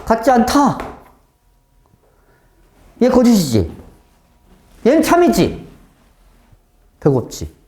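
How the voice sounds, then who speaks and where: A man lecturing a class on math, his voice rising and falling in a lively, animated way. He explains in short bursts and keeps asking students whether they follow. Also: extremely high pitch, slow pace, pauses often. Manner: lively, questioning, keeps checking understanding. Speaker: math teacher.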